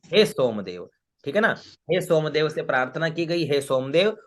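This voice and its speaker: A man teaching a Vedic chanting class online, chanting verses slowly and then patiently explaining each syllable's pitch, with frequent check-ins. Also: big pitch swings. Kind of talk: online class, recitation lesson.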